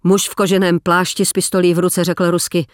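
Measured male audiobook narrator. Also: high voice, little pitch movement, clear, resonant tone, dry recording, studio quality. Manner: measured, slowing for emphasis.

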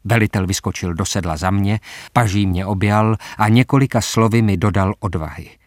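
A man narrating a story aloud in measured, even first-person storytelling. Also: lowish voice, no room sound, studio quality. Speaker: audiobook narrator.

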